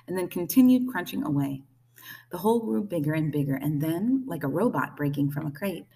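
A woman reading a children's novel aloud with lively, gently expressive storytelling. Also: low-pitched, recorded from a distance, rough recording. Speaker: storybook reader.

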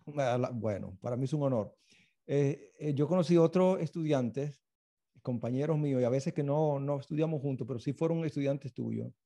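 A man's voice: medium pitch, moderate pace, mellow. A man interviewing his former teacher, speaking respectfully and hesitantly, with many fillers.

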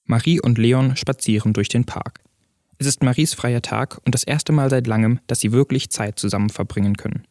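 A man tells a story in calm, even scripted narration. His voice sits in a middle range. The recording is dry and close, with no room sound. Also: mid-range voice, normal speed, no room sound.

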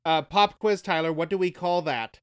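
A man's voice: on the high side, moderate pace, smooth, dry recording, clean studio sound. A man co-hosting a podcast, eagerly pointing out details and quizzing his partner. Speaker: podcast co-host. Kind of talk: casual podcast chat.

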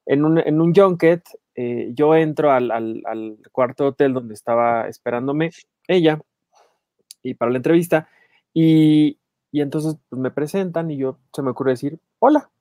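A man with a Mexican accent co-hosting a podcast, telling anecdotes in a lively, casual way and acting out voices. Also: fairly high pitch, normal speed, dry recording, studio quality. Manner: animated anecdotes, acts out quoted voices. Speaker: podcast co-host, film journalist. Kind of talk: casual chat, storytelling.

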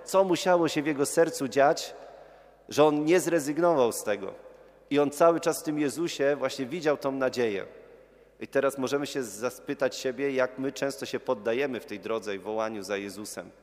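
A priest giving a sermon, telling a Gospel story and acting out the crowd's and the beggar's cries. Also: male voice, mid-range voice, normal speed. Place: church. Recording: church with long reverb.

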